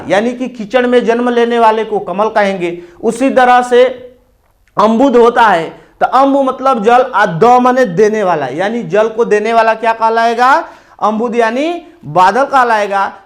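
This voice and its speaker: A man teaching a Hindi grammar lesson, explaining step by step and asking and answering his own questions, with an eastern Uttar Pradesh accent. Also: high voice.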